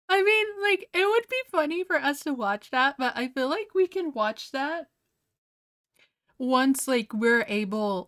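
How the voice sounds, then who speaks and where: A young woman with a high, light voice talks casually to her livestream audience while drawing. She fills her sentences with "like" and giggles often. Her reactions are animated and full of disbelief. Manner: giggly, laughs often, heavy use of "like". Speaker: art streamer.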